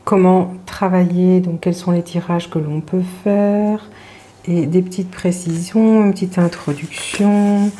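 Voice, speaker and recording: Slow, mellow-voiced woman unboxing tarot. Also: lowish voice, steady tone. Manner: chatty, lots of fillers, mixing in English words. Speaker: tarot channel host. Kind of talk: casual unboxing vlog.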